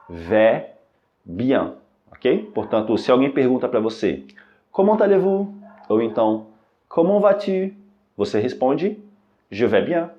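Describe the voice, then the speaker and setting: Man, language teacher, very slow pace, patient, repeats phrases, dull lo-fi sound. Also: medium pitch. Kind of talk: online lesson. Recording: dull lo-fi recording.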